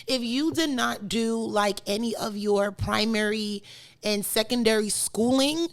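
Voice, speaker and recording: A woman's voice: a little high, unhurried. A woman from New York co-hosting a podcast in casual chat, opinionated and full of questions. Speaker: podcast co-host.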